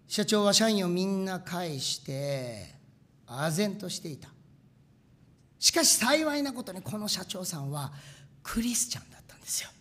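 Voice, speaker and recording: A pastor telling a story in a sermon, animated and acting out machine noises with sound words. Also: mid-range voice, moderate pace.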